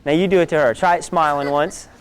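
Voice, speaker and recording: A man's voice: on the high side, fairly even intonation, fast. A man teaching a self-defense class, giving direct instructions and often checking in with "okay?".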